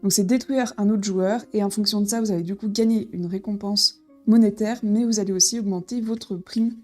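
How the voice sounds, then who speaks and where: A woman talks through a board game she is unboxing, in a casual, halting way full of fillers and restarts. Her voice sits at an ordinary middle pitch. Soft background music plays faintly behind her. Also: steady tone. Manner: hesitant, many fillers and restarts.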